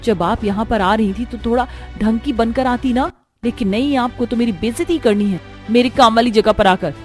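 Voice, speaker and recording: A woman's voice: a little high, moderate pace, soft background music, lightly acted. A woman voicing a proud young daughter who works as airline cabin crew in a cartoon story. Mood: scornful. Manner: sharp, scornful scolding.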